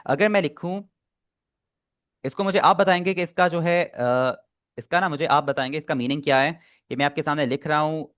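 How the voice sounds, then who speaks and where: A man's voice: a little high, a bit bright. A man teaching an online language class, patiently repeating and explaining pronunciation step by step.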